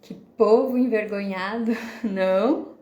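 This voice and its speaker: Brazilian woman explaining with a mellow tone. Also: medium pitch, slow, reverberant. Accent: Brazilian Portuguese. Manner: explanatory, asks the audience questions, frequent "né?". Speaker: psychotherapist hosting a live stream. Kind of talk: live-stream talk answering viewers.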